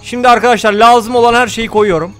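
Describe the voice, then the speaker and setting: A man giving casual let's-play commentary, excitable, talking to his viewers and cursing at the game. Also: very high voice, quick pace, faint music behind. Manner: excitable, talks to viewers, mutters and curses at the game. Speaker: gaming YouTuber.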